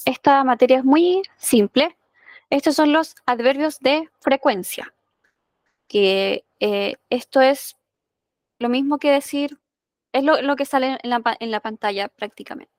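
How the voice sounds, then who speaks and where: Slow, high-voiced teacher woman. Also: dry recording, studio quality. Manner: explains patiently, with many "eh" and "ya?" checks. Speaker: English teacher. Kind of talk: online class explanation.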